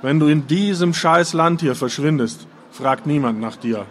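Male narrator doing a sneering, giggling veteran schemer for a storybook, pitched up high. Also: a little slow, a little hiss or hum, lightly acted. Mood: scornful. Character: scheming middle-aged male Russian veteran, mocking.

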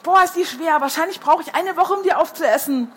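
A tiny, bubbly little girl creature, chirpy and full of good cheer, as a woman reading a storybook puts her on. Her voice sits very high and lively, with faint room hum underneath. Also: a little fast. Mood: excited. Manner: excited, chirpy.

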